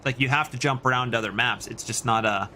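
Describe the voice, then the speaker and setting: A Canadian man talks fast in a sharp, medium-pitched voice while hosting a video game livestream, wandering from topic to topic as he reacts to chat. The recording carries a little hiss or hum.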